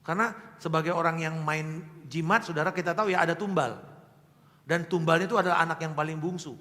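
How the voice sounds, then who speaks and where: Bright-voiced pastor in a reverberant hall. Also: male voice, fairly high pitch, quick pace. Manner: lively storyteller, shifts between loud emphasis and hushed asides. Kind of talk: sermon storytelling.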